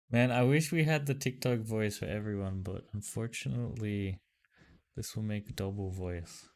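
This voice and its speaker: A man hosting a livestream over a headset mic, chatting casually and loosely with lots of fillers as he greets viewers and tests software. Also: on the low side, measured pace. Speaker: livestream host. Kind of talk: casual livestream chat while testing software.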